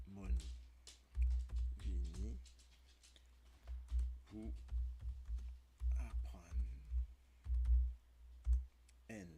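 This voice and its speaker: Slow, low-voiced man spelling out words. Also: dark tone. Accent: Mauritian Creole. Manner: spells out words letter by letter, hesitant with many fillers. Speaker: radio host teaching creole spelling. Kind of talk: casual radio lesson.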